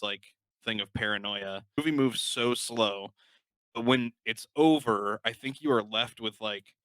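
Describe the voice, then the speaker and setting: Bright, crisp-voiced man chatting casually. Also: fairly low pitch, no room sound, low-quality recording. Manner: rambling, lots of "like" fillers. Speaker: podcast co-host. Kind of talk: casual film discussion.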